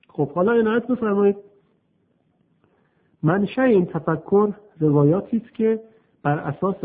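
A man's voice: a little high, slightly rough. A man giving a patient religious lecture who explains step by step and asks rhetorical questions to his listeners. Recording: tinny, phone-like radio recording.

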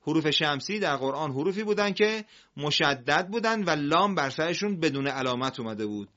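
Bright-voiced male Quran reading teacher. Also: a little high, animated, lo-fi sound. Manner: explains patiently, asks questions and repeats words slowly. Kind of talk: broadcast reading lesson.

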